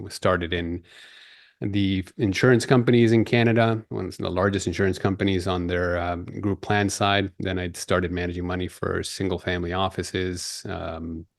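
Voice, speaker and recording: A man with a very low voice gives a podcast interview, laying out his background in a measured, explanatory way. His voice sounds dry and close to the mic, with no room around it. He is in his forties and grew up in Peru. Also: no echo. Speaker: guest.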